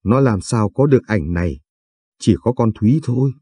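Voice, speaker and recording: A man's voice: fairly low pitch, animated, normal speed, warm tone, breathy edge, dry recording. A man reading as a tough foul-mouthed young woman. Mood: scolding. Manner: coarse, threatening, bossy. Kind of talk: audiobook reading.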